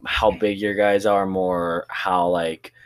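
Low-voiced male coach asking questions. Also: little pitch movement, slow pace. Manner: loose, rambling questions with fillers. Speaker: coach interviewer. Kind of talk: casual interview questions.

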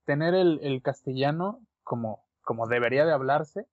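A man's voice: mid-range voice, normal speed, no room sound, narrow, tinny audio. A man co-hosting a casual podcast chat who makes dry, teasing remarks.

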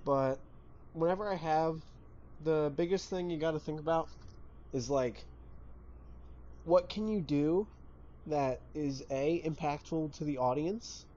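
A man's voice: a little high, fairly even intonation, measured pace, darkish tone. A man chatting casually as a podcast co-host. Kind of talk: casual chat. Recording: dull lo-fi sound, faint background noise.

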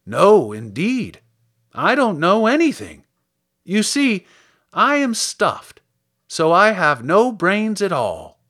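A friendly straw-stuffed scarecrow from a storybook, acted out by a male reader, husky and high, with a lilt that leaps up and down. He talks politely and earnestly, a naive soul leaning hard on his words. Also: very animated, unhurried, fairly bright tone, exaggerated voice. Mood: earnest, rueful.

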